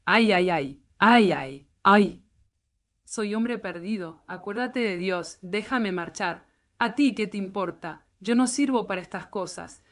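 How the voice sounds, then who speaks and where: A woman's voice: medium pitch, close to an everyday voice. A woman reading the lines of a frightened young male peasant who begs and pleads fearfully.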